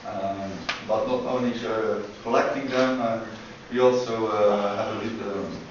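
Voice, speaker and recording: A man giving a short conference pitch about a school project, halting and full of filler sounds. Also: fairly even intonation. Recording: echoey hall, far from mic, dull, noisy.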